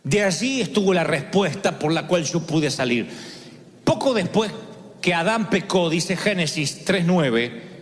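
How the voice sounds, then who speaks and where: A man's voice: fairly high pitch, animated, a little slow, long reverb tail. A middle-aged man with an Argentine Spanish accent preaching a sermon, dramatic storytelling that acts out voices. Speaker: pastor.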